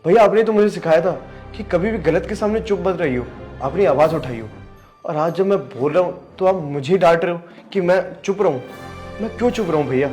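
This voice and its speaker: A young man plays a respectful younger brother who pleads in earnest and gently reproaches. His voice sits a bit high. Soft music runs behind him. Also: brisk, natural voice. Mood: pleading. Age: young adult. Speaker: younger brother in a family skit. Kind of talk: scripted family drama skit.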